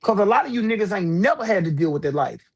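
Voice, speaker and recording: A man's voice: sits high, sing-song, quick pace, breathy edge. A man hosting a livestream, talking loose and slangy over headset audio, addressing viewers directly. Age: adult with several children. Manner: loose, slangy, fired-up street talk. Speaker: livestream host. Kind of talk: casual livestream talk.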